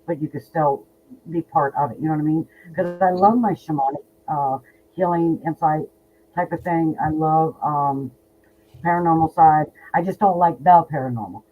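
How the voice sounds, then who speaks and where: This fifties-aged woman, appearing as a psychic medium guest, has a low voice and keeps a moderate pace. Her casual interview talk is blunt and outspoken with lots of repeated words, heard through a tinny phone connection carrying faint noise.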